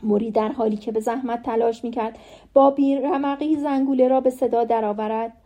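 A woman reads an audiobook in a measured, steady way. Her voice is mellow and sits fairly high for a woman. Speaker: audiobook narrator. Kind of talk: scripted narration.

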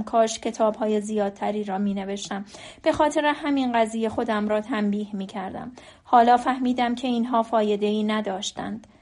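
A woman reading the lines of a frail, dying old man, gentle and wise, in a soft, quiet voice. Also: on the high side, lightly acted.

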